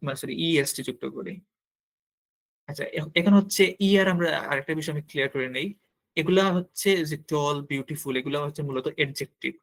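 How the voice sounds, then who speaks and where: Bangladeshi man teaching grammar, slightly high voice. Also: fairly bright tone. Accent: Bangladeshi Bengali. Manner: explains step by step, asks and answers his own questions; writes on a board while talking, with pauses and restarts. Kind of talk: online grammar lesson.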